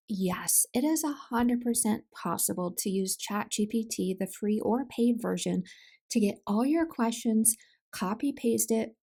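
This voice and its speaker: Woman with a gravelly, chatty voice. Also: mid-range voice, a little mellow. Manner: chatty, conversational, with asides and self-corrections. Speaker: self-publishing vlogger. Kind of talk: casual talking-head advice.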